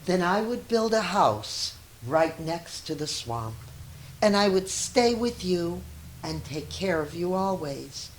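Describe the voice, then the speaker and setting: A woman reading a children's story aloud as a teacher, expressively and with emphatic, measured phrasing. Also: fairly low pitch, expressive. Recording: roomy echo with faint hiss.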